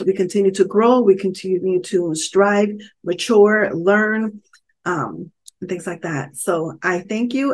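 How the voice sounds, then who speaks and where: An upbeat woman, an author who hosts her own podcast, talks solo at a middle pitch in a warm, encouraging way, filling her pauses with frequent "um"s. English is her first language, not Spanish.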